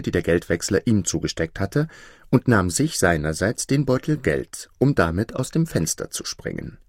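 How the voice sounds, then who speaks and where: Deep-voiced man reading a tale. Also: dry recording, studio quality. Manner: expressive storyteller. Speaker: narrator. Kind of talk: storybook reading.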